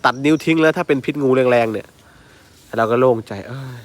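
A man's voice: medium pitch, fairly quick, clean tone. A man, telling a story in casual chat with frequent exclamations. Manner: animated, exclaims often. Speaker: elephant mahout and channel host.

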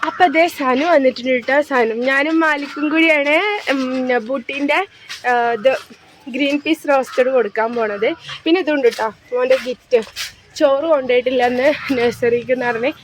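Young woman, high voice, chatty homely vlogger talking to camera, light background hum. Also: fairly even intonation, fairly quick. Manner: chatty, homely, talks straight to viewers. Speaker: family vlogger and mother. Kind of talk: casual family vlog narration.

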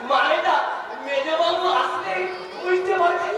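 A man's voice: very high-pitched, fairly even intonation, a little slow. A man acting a grumbling policeman in a folk theatre play, with hammy stage delivery. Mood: bantering. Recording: echoey hall from far off, music, crowd.

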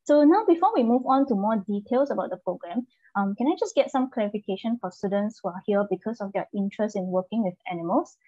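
Fast-talking woman moderator, mellow voice. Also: mid-range voice, expressive, no room sound. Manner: brisk, polite handovers. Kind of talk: online info session moderating. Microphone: video call with earphones. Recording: dull, dry video call audio.

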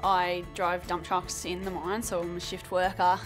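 A woman's voice: lowish voice, level tone, normal speed, soft background music. A woman, speaking candidly and in a subdued way in an interview. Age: 20s. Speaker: interviewee, mine truck driver. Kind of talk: interview testimony.

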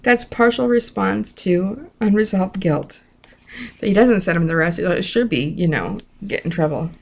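A woman's voice: on the low side, a little slow, gravelly. A young adult American woman from the northern states, reading aloud and chatting informally in a candid, self-deprecating way, recorded on a webcam in a small room at home. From northern United States. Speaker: vlogger reading a devotional book aloud. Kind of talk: informal read-aloud with rambling casual asides. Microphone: webcam or laptop at arm's length.

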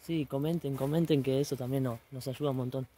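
A man's voice: medium pitch, fairly even intonation, brisk, mellow, husky. A man with an Argentine accent co-hosting a casual exploration vlog outdoors at night. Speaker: vlog co-host. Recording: noisy outdoor night recording.

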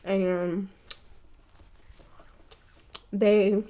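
A woman's voice: medium pitch, level tone, drawn-out words, dark tone. A woman chatting casually to her viewers on a mukbang vlog, biting into food while she talks. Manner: chatty, addresses viewers as y'all. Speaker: mukbang vlogger. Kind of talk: casual chat while eating.

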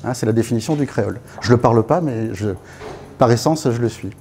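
Man in his fifties, mellow dark voice, casual anecdotal talk, small meeting room. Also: medium pitch, quick pace, slight background noise. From born in Congo, raised in Africa, French parents. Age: 50s. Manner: casual, anecdotal, many fillers and restarts, moves and gestures while talking. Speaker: guest speaker at a networking evening. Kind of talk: personal storytelling talk.

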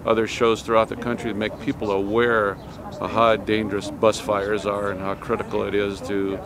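A man's voice: on the low side, little pitch movement, moderate pace. A man from California who works for a school district, giving an earnest, plain-spoken comment outdoors. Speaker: school district staff member. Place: outdoors at a trade show event. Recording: crowd noise outdoors.

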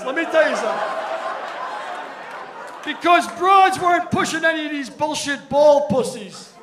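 A man in his sixties doing a crude stand-up routine on a club stage, brash and profane with shouted punchlines. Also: very high-pitched, slight background noise. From Ireland, raised in New York. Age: 60s. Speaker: stand-up comedian. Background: audience laughter.

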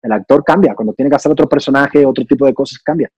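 A young man from Cuba speaks in a casual interview. His voice is dark and husky, and he explains his ideas thoughtfully, with many restarts. The sound is dry and a little dull. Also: mid-range voice, fast, no room sound. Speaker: actor and singer, interview guest.

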